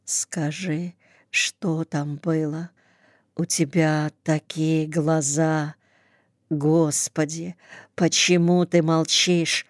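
Tearful impulsive young woman, hushed pleading voice, slow and even, smooth and dry, read by a woman in an audiobook. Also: lowish voice, dry recording. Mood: whispering.

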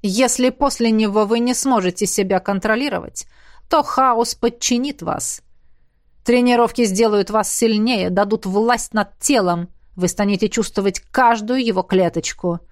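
A woman voicing a gruff, burly male academy coach who barks orders at his students. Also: medium pitch, a little slow, dry recording, studio quality, lightly acted. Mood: lecturing. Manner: barking commands, shouting. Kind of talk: audiobook character voice.

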